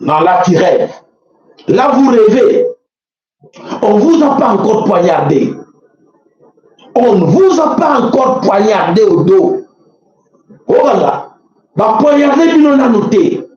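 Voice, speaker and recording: A man with a Congolese French accent delivers impassioned, preachy political commentary, his high voice swinging widely as he mocks and exclaims. The sound is dull and lo-fi, bouncing around a heavily echoing space. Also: very animated, slow pace, pauses often, darkish tone. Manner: fiery and preachy, mocking and exclaiming.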